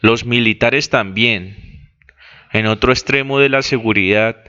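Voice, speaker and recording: A man reading a text aloud as dictation, deliberately spelling out words and correcting his own slips. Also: medium pitch, sharp tone, smooth. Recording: dull lo-fi recording.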